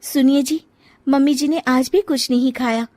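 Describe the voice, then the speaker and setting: An outspoken young daughter-in-law played by a woman in a family drama tale, with a highish voice. She chides and coaxes expressively, heard close in a dry recording. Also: steady tone, normal speed, mellow, no room sound, close to an everyday voice. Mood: concerned. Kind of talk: acted dialogue in a family audio story.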